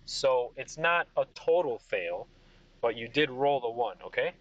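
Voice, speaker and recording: A man narrating a tabletop game as game master in a casual, halting way. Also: medium pitch, expressive, a bit bright. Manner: casual, halting, many restarts. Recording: dull lo-fi sound.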